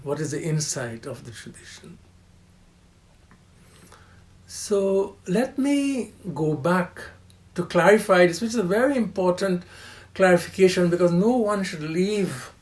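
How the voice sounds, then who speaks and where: An older male professor gives a lecture on scripture at an unhurried, measured pace. His voice sits a little high for a man, and he repeats key phrases, chants verses and poses rhetorical questions to his listeners. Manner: occasional soft laughs, asks rhetorical questions.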